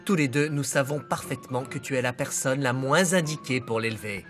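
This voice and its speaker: A man's voice: medium pitch, a little fast, fairly bright tone, faint music behind, natural voice. A male dub actor playing a scornful estranged father in a telenovela, sneering and sarcastic toward his ex. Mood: mocking. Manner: mocking and sarcastic. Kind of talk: dubbed telenovela acting.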